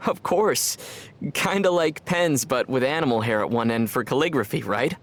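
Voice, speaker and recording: An actor playing a calm young male traveler hero in a video game who answers in a dry, deadpan way. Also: medium pitch, moderate pace, natural voice. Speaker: player character. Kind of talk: video game character banter.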